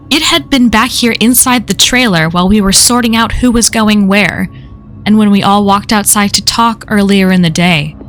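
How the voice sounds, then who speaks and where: A woman reads a horror story aloud for a live stream, her voice sitting at an ordinary middle pitch. She keeps a measured storytelling pace and slows down where the story grows tense. Soft music plays faintly behind her.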